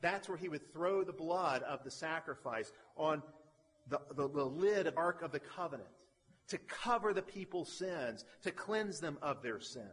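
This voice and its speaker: A man's voice: fairly high pitch, fairly bright tone, husky, in a large hall. A man preaching a sermon, emphatic, stacking parallel phrases and pressing his point with repetition. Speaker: pastor.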